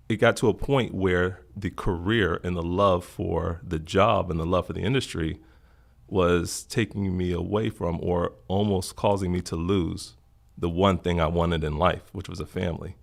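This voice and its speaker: Unhurried and thoughtful, this middle-aged podcast guest from Florida has a low voice roughened by gravel and fry. He talks earnestly in a laid-back interview, driving points home by saying phrases again.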